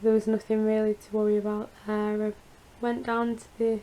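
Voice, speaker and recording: A woman with a croaky, creaky voice after surgery, chatting casually in a rambling, confiding personal vlog update. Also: mid-range voice, monotone, normal speed, dark tone. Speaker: vlogger.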